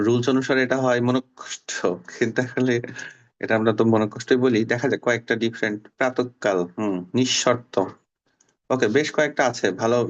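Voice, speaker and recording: Man, teacher, online lesson, patient, repeats words slowly, mid pitch, muffled lo-fi sound. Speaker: Bangla teacher.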